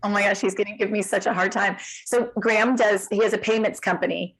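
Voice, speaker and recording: A woman guest, a media expert, chatting in an interview with a lively, laughing manner and quick restarts. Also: medium pitch, poor audio. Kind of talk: casual interview chat.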